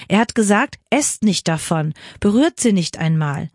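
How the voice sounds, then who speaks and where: A woman's voice: mid-range voice, expressive, normal speed, darkish tone, no echo, clean studio sound, lightly acted. A woman reading the earnest lines of the first woman in the garden.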